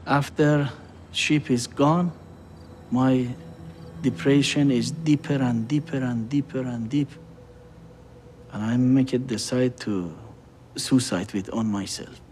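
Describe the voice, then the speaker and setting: Man in his forties, documentary interviewee, slow hesitant broken English, middle-pitched. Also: fairly even intonation, a little mellow, a little hiss or hum. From Iran. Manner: halting broken English with fillers.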